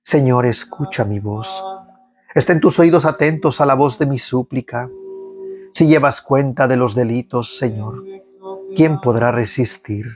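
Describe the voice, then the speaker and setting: Man slowly leading a rosary prayer. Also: medium pitch, a little mellow. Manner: slow, measured devotional recitation; guides listeners through the responses. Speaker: prayer leader.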